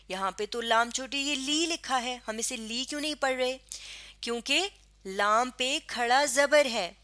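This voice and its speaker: A woman with a Pakistani Urdu accent teaching a lesson, patiently spelling out sounds and repeating words slowly. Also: a little high, pushed and bright. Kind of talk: classroom lesson explaining pronunciation.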